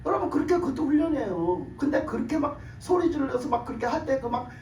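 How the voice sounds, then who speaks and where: A man delivers a sermon in a raspy, worn voice that sits extremely high. He presses his points with rhetorical questions and chuckles along the way. He is picked up from a distance in an echoey room with faint ambience behind him. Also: sing-song, fast, slight background noise. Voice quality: hoarse, broken voice from years of shouted prayer. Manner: emphatic, rhetorical questions, laughs while preaching. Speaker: pastor.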